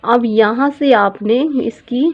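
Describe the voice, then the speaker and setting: A woman's voice: a little high, takes it slowly, highs cut off. A woman, a dress designer teaching pattern drafting step by step, patiently repeating every measurement. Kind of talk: step-by-step sewing tutorial.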